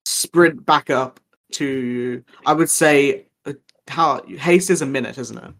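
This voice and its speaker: A man's voice: medium pitch, slow, creaky, fairly bright tone. A man narrating as game master in a tabletop game, talking hesitantly with lots of fillers and laughs.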